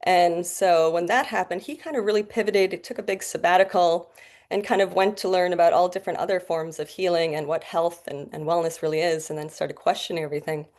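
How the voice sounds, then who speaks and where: A woman in her forties from the Bahamas, speaking with a North American accent, appears as a guest doctor in a casual interview, telling her story in a chatty way and laughing often. Her voice is on the low side and steady, a little fast and slightly mellow.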